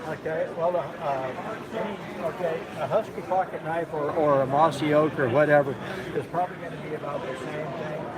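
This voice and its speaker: An older man in his sixties with a slightly raised voice gives a folksy, rambling live demonstration outdoors. A loud crowd chatters all around him, filling every gap in his talk. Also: on the high side. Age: 60s. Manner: folksy, rambling, with many fillers. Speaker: knife sharpener seller. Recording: loud crowd noise behind.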